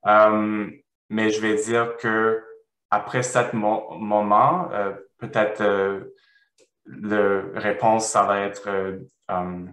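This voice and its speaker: A low-voiced man presents research in French with a foreign, non-native accent. He feels his way haltingly through academic explanations, searching for words. The sound is roomy and echoing. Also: little pitch movement, fairly bright tone. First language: not French. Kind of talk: academic presentation and question answering.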